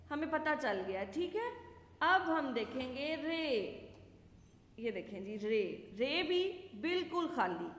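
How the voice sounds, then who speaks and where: Patient woman teacher, high echoey voice. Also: a bit bright. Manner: slow, patient, asks and answers own questions. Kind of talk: children's alphabet lesson. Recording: echoey room with long reverb.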